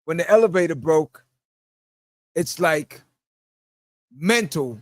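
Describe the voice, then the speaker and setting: In a slightly high, animated voice at a slow pace, a middle-aged New York–accented man tells stories casually on his podcast, acting out quoted voices and laughing as he goes. It's studio quality, without room sound.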